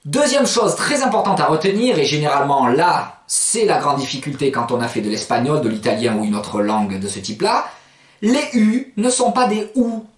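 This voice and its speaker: Man, fairly high voice with lots of melodic movement, patient language teacher spelling out sounds, echoey room. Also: very animated, moderate pace. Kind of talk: spoken pronunciation lesson.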